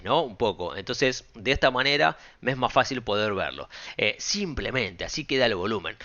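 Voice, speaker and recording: A man with a Rioplatense Spanish accent walking viewers through a trading software tutorial in a casual, direct way, often checking in with the listener. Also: mid-range voice. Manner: casual, direct, frequent check-ins and fillers. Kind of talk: screen-share software tutorial. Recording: dull lo-fi sound.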